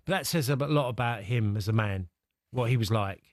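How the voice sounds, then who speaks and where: Male pundit, medium pitch, dry sound, halting reflective conversation. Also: dry recording.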